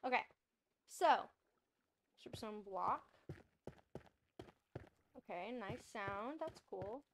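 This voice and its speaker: Streaming a video game, a young woman chats casually and rambles along, laughing often in a bubbly way. Her medium-pitched voice is animated yet very slow, with slight background noise behind it.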